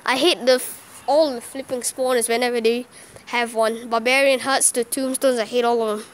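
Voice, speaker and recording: A woman with a high voice gives live commentary over a mobile game she is playing. She reacts loudly to every move, cheering and groaning by turns. She talks in a casual, excitable way, as a channel host would with her viewers. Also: moderate pace. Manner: excitable, exclaiming and groaning at each play.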